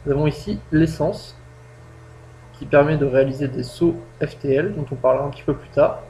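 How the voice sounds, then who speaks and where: A man's voice: brisk, warm tone. Chatty man explaining a game. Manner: chatty, self-mocking, explains step by step. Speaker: gaming tutorial host. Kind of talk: casual gameplay tutorial. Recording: low-quality home mic with faint hum.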